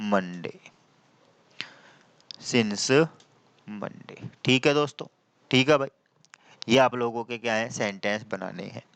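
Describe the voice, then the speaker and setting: A man teaching a classroom lecture. He asks the class questions and answers them himself, repeating key terms and reading out English definitions slowly. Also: mid-range voice, a bit bright, smooth, no room sound. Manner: mixes in slow, deliberate English definitions.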